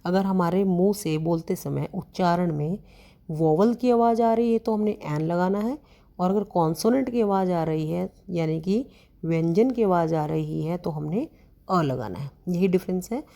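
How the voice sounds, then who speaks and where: A woman teaching a grammar lesson to students, explaining slowly and asking questions she then answers herself. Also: lowish voice, creaky, mellow. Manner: slow, explanatory, asks questions and answers them; addresses students as beta.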